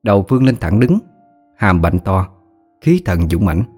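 Brief: male narrator for a first-person audio story, low voice, vivid descriptive telling, faint music behind. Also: big pitch swings, moderate pace, a little mellow, slightly rough.

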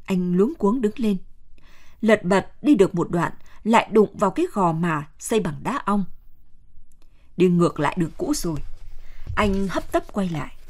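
A woman reading a war novel aloud as an audiobook narrator in a measured, somber storytelling voice. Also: medium pitch, darkish tone.

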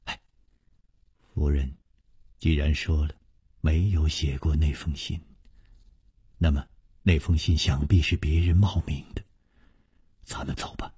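A man voicing an eager young man in a told story, cutting in with hurried speech. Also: low-pitched, dark tone, breathy edge, dry recording, clean studio sound, pitched below the performer's own voice, exaggerated voice. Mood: urging. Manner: hurried, interjecting.

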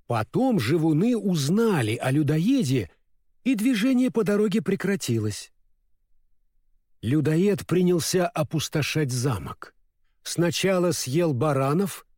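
A man reads a children's storybook aloud with an expressive, animated delivery. His voice sits a little high and moves a lot in pitch. The sound is close and dry, with no room echo. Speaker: narrator. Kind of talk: storybook reading.

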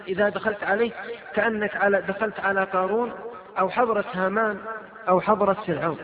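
High-pitched, fast-talking preacher in a hall. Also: male voice. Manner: declaiming, recites verse, rhetorical questions. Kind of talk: religious lecture. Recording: tinny lo-fi hall recording with crowd.

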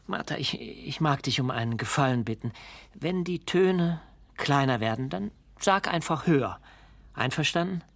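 An actress playing a patient, curious music teacher in a radio drama, asking gentle questions. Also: female voice, low-pitched, expressive, normal speed, no echo. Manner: gentle and probing.

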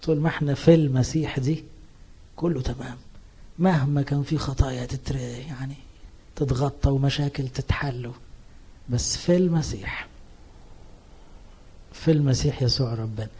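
A man with an Egyptian accent preaching a sermon as a priest, earnest and emphatic, rising in pitch on scripture quotes. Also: steady tone, normal speed, pauses often, dark tone, slightly rough. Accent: Egyptian Arabic.

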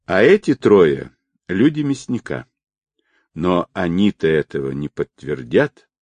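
A man's voice: low-pitched, big pitch swings, a little slow, a little mellow, dry recording, lo-fi sound, full character voice. A man voicing an earnest young police captain reporting to his superior.

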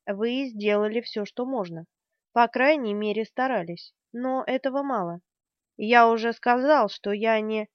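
A woman's voice: fairly high pitch, unhurried, no room sound, muffled recording, close to an everyday voice. A woman voicing a desperate, pleading young man. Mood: protesting. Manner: pleading, tearful. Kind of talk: audiobook character reading.

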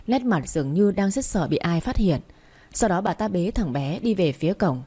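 A woman's voice: on the low side, expressive, normal speed, dark tone, husky. A woman narrating a first-person story aloud in an earnest, emotional way. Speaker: audiobook narrator.

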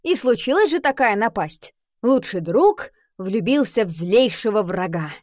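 A woman voicing a sharp-tongued teenage schoolgirl who wants to write a book, exasperated and sarcastic, in an audiobook. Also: mid-range voice, very animated, measured pace, no echo, clean studio sound. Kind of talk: audiobook reading.

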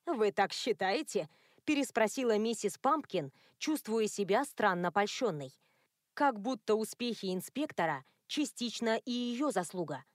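A woman reading a novel aloud as an audiobook narrator, in an even, measured way. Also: medium pitch, no room sound, studio quality. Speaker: audiobook reader. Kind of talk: scripted narration.

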